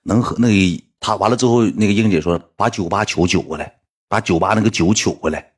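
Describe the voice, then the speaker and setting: A man with a Northeastern Chinese accent telling a rambling anecdote in a casual, animated way, breaking into mocking high-pitched rants. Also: a little fast, slightly rough. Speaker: storyteller.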